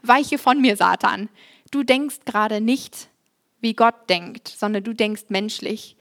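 A woman voicing Jesus as a patient, frank male teacher who speaks plainly and teases his pupils gently. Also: high voice, slow pace, vocal fry, heavily acted. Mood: firm. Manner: plain-spoken, fatherly, gently teasing.

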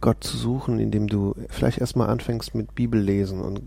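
A man's voice: lowish voice, steady tone, fairly quick, creaky, dark tone, breathy edge. A man hosting a devotional video, reading a psalm and eagerly encouraging the viewers as he goes. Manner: enthusiastic, exclaims often, speaks straight to viewers. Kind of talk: casual devotional talk with Bible reading.

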